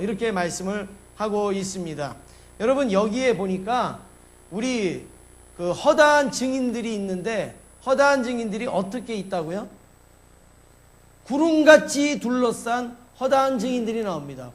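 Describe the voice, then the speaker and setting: A male pastor preaching a Sunday sermon, emphatic, asking the congregation questions and answering them himself. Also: high voice.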